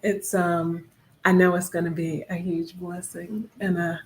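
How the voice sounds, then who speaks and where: A woman's voice: lowish voice, level tone, a little slow, a little mellow, a little hiss or hum. Breathless woman in her fifties. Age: 50s. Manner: friendly, laughing, chatty. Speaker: co-host. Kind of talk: casual talk show chat.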